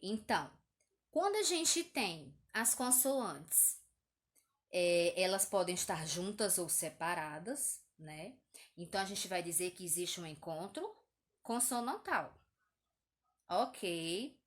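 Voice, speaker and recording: Slow, patient Brazilian teacher woman. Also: fairly low pitch, lively intonation. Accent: Brazilian Portuguese. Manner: slow, patient, uses diminutives and "tá?" checks. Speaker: primary school teacher. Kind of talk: video lesson reviewing a test.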